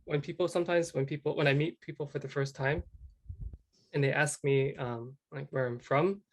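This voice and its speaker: A woman's voice: low voice, normal speed. A woman born in Hong Kong and raised in Canada, chatting as a guest, laughing often and saying "like" a lot. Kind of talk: casual discussion.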